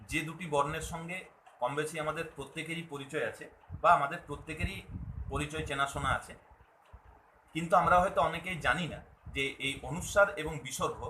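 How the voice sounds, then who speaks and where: A man's voice: a little high, sharp tone, reverberant, a little hiss or hum, rough recording. A man giving a video lesson to viewers, patiently explaining and repeating, often asking a question and then answering it himself. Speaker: Bengali language teacher.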